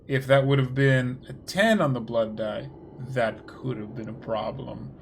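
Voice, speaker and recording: A man's voice: mid-range voice, a little slow, gravelly, a little hiss or hum. Laid-back male game master. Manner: relaxed, chatty, laughs easily. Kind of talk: casual narration of a tabletop game.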